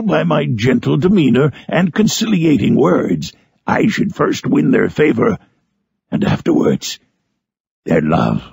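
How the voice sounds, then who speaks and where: A man voicing Frankenstein's monster, a lonely, eloquent man-made creature, in a solemn, harsh storybook narration with drawn-out phrasing. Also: mid-range voice, darkish tone, no room sound, exaggerated voice. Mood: yearning. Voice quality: harsh, gravelly, raspy. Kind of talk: dramatic audiobook narration in character.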